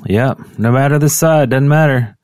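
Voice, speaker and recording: A man co-hosting a podcast in casual chat, easygoing and quick to agree. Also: mid-range voice, a little mellow, dry recording. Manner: easygoing, brief agreeing replies. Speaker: podcast co-host.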